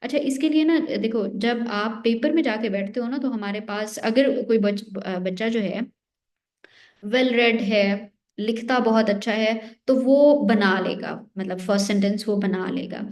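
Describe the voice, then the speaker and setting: A woman's voice: a little high, measured pace, a little mellow. A young woman lecturing on essay writing for an exam-prep course. She explains step by step and often asks a question and then answers it herself. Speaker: teacher.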